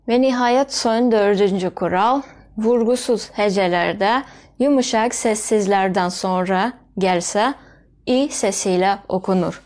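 A woman teaches pronunciation at an unhurried pace, spelling out sounds and saying every example word twice. Her voice sits at an ordinary middle pitch. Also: a little mellow. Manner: spells out sounds and repeats example words slowly. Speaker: Russian language teacher. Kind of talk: slow, deliberate language lesson.

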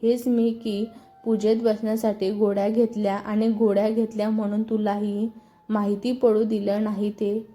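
A stubborn young wife brushing off questions with short, defensive answers, voiced by a woman narrator. Her tone is mellow and warm, with faint music underneath. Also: mid-range voice, level tone, normal speed, lightly acted. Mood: sulky. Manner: curt, defensive replies.

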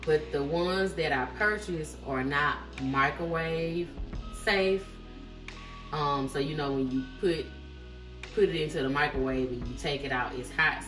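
A woman talks through her grocery haul in a low voice. Her delivery is relaxed and chatty, full of ums and likes. Faint music plays underneath. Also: moderate pace. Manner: relaxed, chatty, many fillers. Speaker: vlogger. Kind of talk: casual grocery haul chat. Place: home kitchen.

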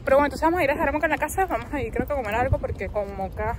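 A woman's voice: high voice, racing. Chatty young woman vlogging outdoors. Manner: chatty, expressive storytelling. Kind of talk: casual vlog chat. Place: outdoors by a shopping mall. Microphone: phone held at arm's length. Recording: noisy outdoor phone recording. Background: street and traffic noise.

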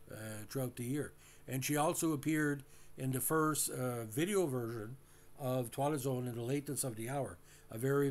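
A man hosting a show, recapping and discussing a classic television episode in a casual, halting way with many fillers, sometimes speaking to the listeners directly. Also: medium pitch, a little mellow. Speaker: host.

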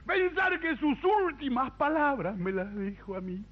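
A man voicing a drunk bricklayer who wails and shouts in grief, on a muffled 1970s TV broadcast. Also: very high-pitched, big pitch swings, unhurried, pitched above the performer's own voice, exaggerated voice. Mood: wailing. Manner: wailing, shouting.

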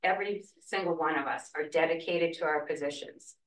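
Heard from afar through a podium mic captured by a distant camera, a woman who works in a school cafeteria speaks briskly in a low voice. She delivers an earnest, emotional plea from a wooden podium during a school board meeting's public comment, and the room echoes.

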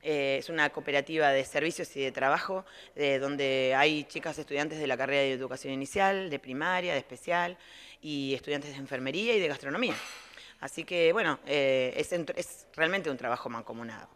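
A middle-aged Argentine woman, a school director, gives a spontaneous TV interview in a low-pitched, fairly bright voice. She explains things step by step, often pausing to rephrase, picked up by a handheld reporter's microphone in a large indoor room.

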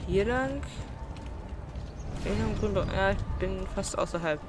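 Speaking slowly in a medium-pitched voice, a let's player comments casually on her game, blunt and muttering complaints to herself. She is a young woman, and the game's street ambience is clearly audible behind her.

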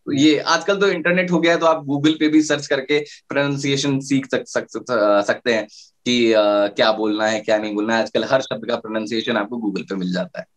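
A man's voice: mid-range voice, steady tone, moderate pace. A male radio jockey explaining his career in a casual interview, with frequent fillers and restarts.

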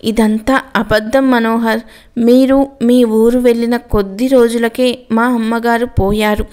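Storybook: woman reading as grieving young woman, direct and reproachful, clear tone. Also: fairly high pitch, fairly even intonation, a little slow, a little mellow, close to an everyday voice. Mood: sorrowful.

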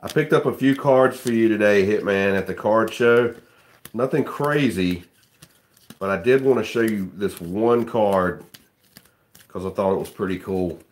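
A man with a low, deep voice hosts a casual live stream from a room at home. He talks in a loose, joking way and greets viewers by name between his remarks. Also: unhurried.

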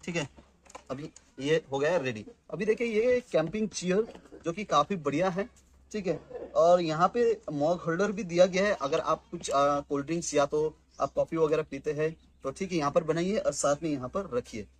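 Filming first indoors at home and later on an open rooftop, a vlogger in his thirties casually unboxes camping gear and shows it off. He talks with many fillers and restarts, his voice on the high side at a moderate pace.

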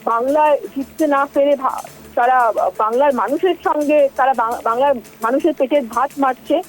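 A woman reporter talks through the news in a hesitant way, with pauses and restarts. Her voice is high. Faint music plays behind her. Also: low-quality recording. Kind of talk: live news analysis.

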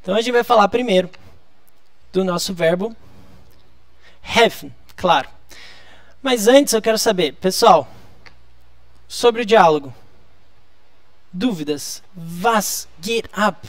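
A man's voice: high-pitched, lively intonation, unhurried, pauses often, no echo. A man from Brazil teaching a live online lesson, explaining patiently and drawing out key words. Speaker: German teacher.

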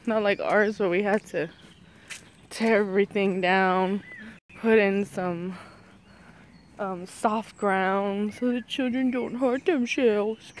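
A woman's voice: mid-range voice, very slow, long pauses, darkish tone, a little hiss or hum. A woman vlogging while out walking, chatting casually, laughing often and cooing at animals. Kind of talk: casual chat on a walk.

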